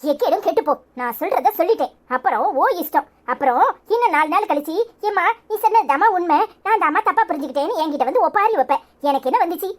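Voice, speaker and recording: A woman voicing a sharp-tongued, mocking middle-aged mother in a cartoon, with a Tirunelveli Tamil accent. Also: extremely high pitch, expressive, quick pace, few pauses. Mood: scolding.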